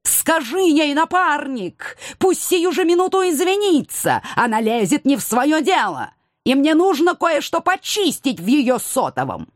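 A fussy intellectual tomcat protests and pleads, as a woman reader puts him on. His storybook voice rises and falls in lively swoops. It sounds dry and close, with no room around it. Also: on the low side, moderate pace, few pauses, no echo. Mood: indignant. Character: fussy intellectual male talking cat.

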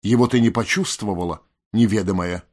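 A man reading the lines of a sharp, wary catlike woman who asks curt, probing questions. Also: fairly low pitch, fairly quick, close to an everyday voice.

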